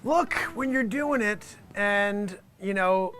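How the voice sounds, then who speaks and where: Male comic as aggrieved live weather reporter: very high-pitched, forceful edge, exasperated, rambling, music underneath. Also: slow. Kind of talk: improvised mock news report, ranting monologue.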